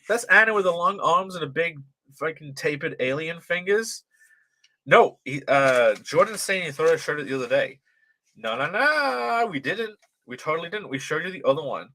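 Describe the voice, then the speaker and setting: A young British man with a light accent carrying a transatlantic tinge chats casually on a livestream, reading chat aloud. He swears freely and laughs often. His voice sits on the high side, pushed and bright, with a little hiss or hum in the audio.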